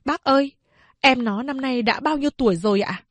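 A woman voicing a kind young female schoolteacher who speaks gently but firmly in an audiobook. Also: sits high, a little fast, no echo, voice pushed up. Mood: gentle. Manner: gentle, coaxing, polite.

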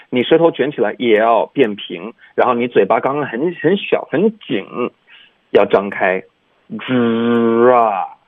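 A man's voice: fairly low pitch, slightly rough, dry recording. A man teaching English pronunciation on a radio lesson, explaining patiently and demonstrating sounds with exaggerated articulation. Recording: dry, tinny phone-like sound.

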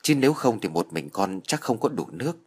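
A man's voice: fairly low pitch, sing-song, a little fast, a little mellow. A man voicing a frightened, polite village boy who pleads earnestly.

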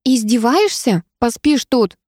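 A woman voicing a chatty, teasing young female friend who talks in a quick, mocking, gossipy way. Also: on the high side, animated, darkish tone, no room sound, studio quality, voice pushed up.

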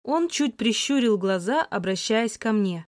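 A woman narrating a first-person novel as an audiobook, lively and voicing the heroine's sharp retorts. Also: a little high, measured pace, dry recording, clean studio sound.

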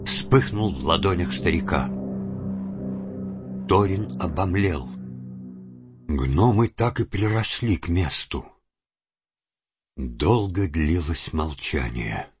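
A man narrating an audiobook in a steady storytelling manner. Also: low-pitched, muffled recording. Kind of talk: scripted narration.

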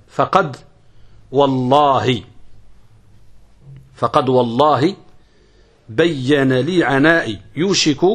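Speaking at a fairly high pitch with a breathy edge, a man leads a lesson on classical grammar. Questions come and he answers them himself, repeating the important phrases while his pace wavers between lingering and hurrying.

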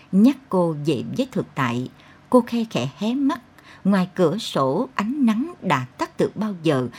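A woman narrating a dark literary story in an intense, expressive way. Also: fairly low pitch, slightly rough. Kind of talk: dramatic audiobook narration.

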